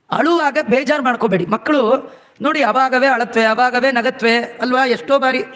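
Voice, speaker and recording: A man's voice: extremely high pitch, fairly bright tone. A man giving a storytelling sermon, chanting verses and making humorous, scolding asides to his listeners. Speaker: religious discourse speaker. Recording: echoey hall.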